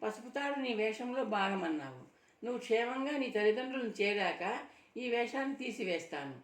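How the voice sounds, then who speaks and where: A woman's voice: on the high side, animated, moderate pace, lightly acted. A woman voicing a protective young man who grows flustered and angry, reading his lines in an audiobook. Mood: agitated. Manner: agitated, exclaiming. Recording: roomy sound from a distant mic.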